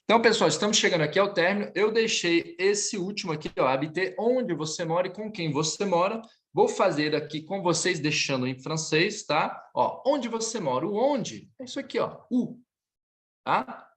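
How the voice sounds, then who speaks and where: A male French teacher with a high voice runs a live online class, with lively rises and falls in his intonation. He's patient in his explanations and slowly repeats phrases so his students can follow.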